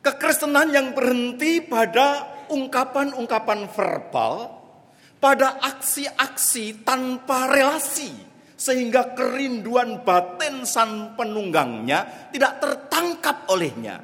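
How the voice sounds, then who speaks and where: A man preaching a sermon, telling a story dramatically and swinging between loud calls and hushed asides. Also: very high voice, lively intonation, slow pace. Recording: long reverb of a large hall.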